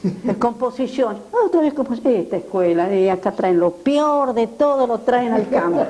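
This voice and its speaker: An older woman, a retired teacher telling animated stories in an interview. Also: fairly high pitch, normal speed, very noisy. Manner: animated, acts out quoted voices. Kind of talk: storytelling in an interview.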